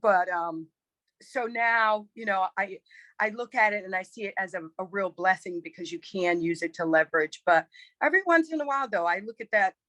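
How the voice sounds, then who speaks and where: A woman speaks casually and conversationally, as if sharing in a group meeting. Her voice sits at an ordinary pitch, with very little room sound around it. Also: brisk, bright, forceful tone, no room sound, poor audio. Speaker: participant in a group call. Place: online group meeting call.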